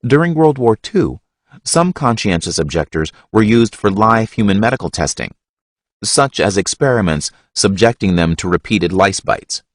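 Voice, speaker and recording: A man reading a history audiobook in a measured, expressive narration. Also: on the low side, no room sound, clean studio sound.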